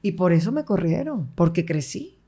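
A middle-aged woman, telling family stories as an interview guest in a lively way, acting out quoted voices and laughing often. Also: on the low side, moderate pace, a crowd in the background. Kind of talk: casual storytelling interview.

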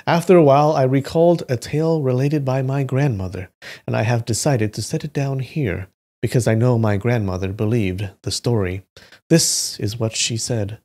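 A man reading old folktales aloud and breaking off for relaxed, joking asides to his viewers. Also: medium pitch, normal speed. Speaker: YouTube history host.

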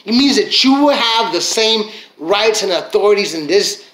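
A man delivers a punchy motivational talk in a high, bright voice. He preaches, repeats his lines for effect and slips into quick acted-out inner voices. The sound carries the echo of a roomy space. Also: lively intonation. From Mexican heritage. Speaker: motivational speaker.

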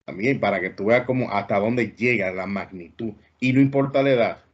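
A man's voice: fairly low pitch, moderate pace, breathy edge, muffled recording. A man hosting an interview, earnest and cautionary in tone. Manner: earnest, warning tone. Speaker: host.

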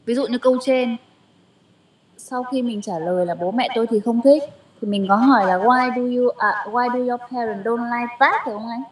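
Một người phụ nữ là học viên, hỏi han lễ phép trong buổi học thân mật. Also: female voice, on the high side, normal speed, echoey room, distant mic, a little hiss or hum, rough recording. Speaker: student. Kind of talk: casual lesson chat.

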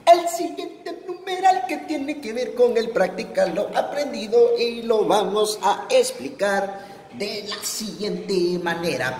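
A fairly high-voiced man, teaching math in a relaxed, chatty way. He keeps talking to an assistant and counts the steps aloud. The room is echoey with a long reverb tail, and faint noise sits behind him. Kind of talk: informal math lesson.

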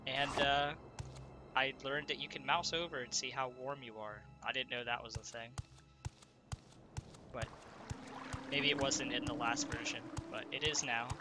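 With a congested, stuffed-up voice, a man narrates his let's-play session, chatty and thinking aloud while questioning himself along the way. His mid-range voice has fairly even intonation and a measured pace with frequent pauses, against a noisy background.

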